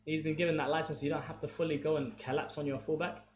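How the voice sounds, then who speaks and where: A young man calls the football live, his voice sitting high and jumping up when the play gets tense. He chats loosely with his viewers between the action. The sound is roomy and echoey, with a faint hiss behind him. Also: fast talker. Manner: casual, excitable play-by-play, talks to chat. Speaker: streamer commentating a football watchalong. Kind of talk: live match commentary and chat with viewers. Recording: echoey room with faint background noise.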